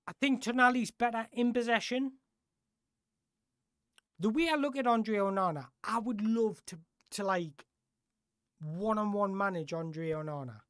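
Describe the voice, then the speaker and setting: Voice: medium pitch, unhurried, pauses often, smooth, no echo, studio quality. A live-stream football host chatting casually through viewer questions, rambling and correcting themself as they go.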